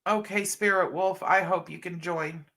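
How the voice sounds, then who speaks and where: The livestream host, a middle-aged woman, chats fondly as she reads comments, calling viewers hun and honey while sounding stuffed up and a little scratchy from allergies. Her lowish voice is a bit bright, with fairly even intonation and a moderate pace.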